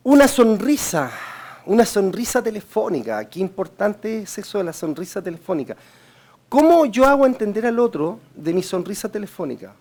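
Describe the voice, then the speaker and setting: A man's voice: sits high, a little mellow. A man with a Chilean accent giving a sales training lecture. He coaches the audience directly and keeps checking in with them by asking "right?". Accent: Chilean Spanish. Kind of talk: seminar lecture.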